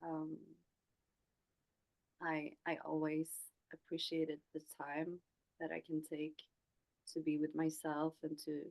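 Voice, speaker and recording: A woman in her forties from Sweden, a Swedish speaker talking in English, shares her story softly and haltingly. Her voice sits low and level, with a gravelly edge. She takes her time, pausing and restarting often. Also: monotone, poor audio. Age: 40s. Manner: soft, hesitant, with many pauses and restarts. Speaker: guest. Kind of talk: reflective personal story.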